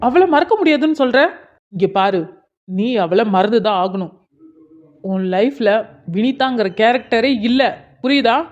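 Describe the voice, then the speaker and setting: ஒருவர் நடிக்கும் கண்டிக்கும் நண்பன். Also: male voice, extremely high pitch, expressive, unhurried, pauses often. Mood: scolding. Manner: scolding then soothing, direct. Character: blunt loyal young male friend. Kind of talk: cartoon drama voice acting. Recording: dull lo-fi sound.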